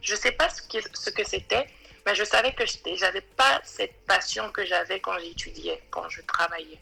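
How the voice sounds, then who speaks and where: A woman from Ivory Coast, a web designer appearing as a guest on an interview podcast in New York, speaks hesitantly with many fillers and restarts. Her medium-pitched voice is creaky and sharp with a breathy edge, at a moderate pace. The interview is casual, and the recording quality is low.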